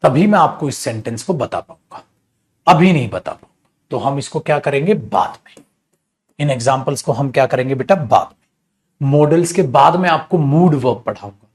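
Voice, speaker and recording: Man, English teacher, patient Hindi explanations, addresses students fondly, mid-pitched voice. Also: animated, normal speed. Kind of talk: spoken English lesson in Hindi.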